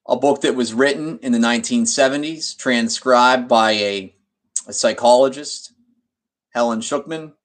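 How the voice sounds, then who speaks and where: Guiding a meditation, a man speaks in a mid-range voice. His instructions come slowly and deliberately, broken into short phrases with pauses in the middle of sentences.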